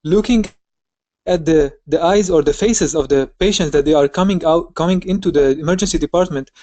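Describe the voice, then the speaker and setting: A woman's voice: deep voice, a little fast, warm tone, dry recording. Earnest woman on a call. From Syria. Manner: earnest, searches for words. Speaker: surgery resident. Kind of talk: audience comment over a video call. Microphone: video call.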